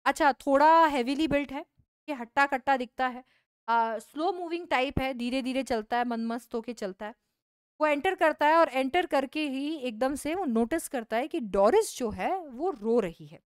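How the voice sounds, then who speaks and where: A woman English teacher retelling a play to students in an animated storytelling manner. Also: high-pitched, moderate pace, clean tone, no room sound, studio quality. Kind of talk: lesson retelling a play, mixing Hindi and English.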